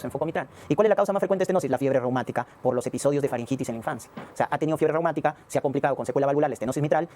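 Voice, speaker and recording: A man's voice: a little high, dark tone. A man giving a recorded medical lecture, explaining step by step and often asking rhetorical questions and checking in with his students.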